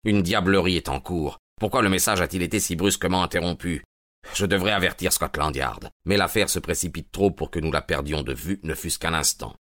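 A man reading an audiobook, voicing a brilliant detective who talks in a measured way. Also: deep voice, fairly bright tone, no room sound, studio quality. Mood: calm.

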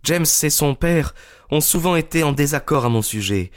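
A man's voice: on the high side, animated, moderate pace, pitched above the performer's own voice, close to an everyday voice. A man voicing an agitated young woman in a storybook reading, pleading urgently in a raised voice. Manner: pleading, breathless insistence.

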